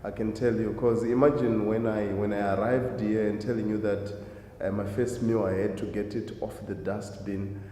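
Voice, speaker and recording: Warm in tone but flat in delivery, this lowish-voiced man speaks at a moderate pace as an interview guest. He is a middle-aged driving school owner from Zimbabwe, and he fumbles through questions about his life with frequent fillers and restarts, recorded in an echoey hall with faint noise.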